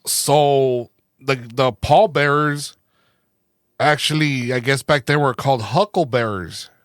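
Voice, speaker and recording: A man's voice: medium pitch, takes it slowly, dry recording, studio quality. A man co-hosting a podcast in casual chat, laid-back, dropping "dude" and "man" often. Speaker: podcast co-host.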